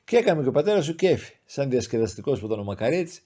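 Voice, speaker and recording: Grieving pious old village mother, plaintive and heartfelt, mellow tone, read by a man. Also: medium pitch, big pitch swings. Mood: reminiscing.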